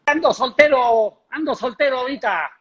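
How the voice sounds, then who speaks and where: A man voicing a cocky, earthy, boastful womanizer puppet with a high voice and an R he cannot pronounce. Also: moderate pace, fairly bright tone, breathy edge, full character voice. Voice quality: high-pitched. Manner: cannot pronounce R, speech impediment. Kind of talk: comic improvised character interview. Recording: dull lo-fi sound.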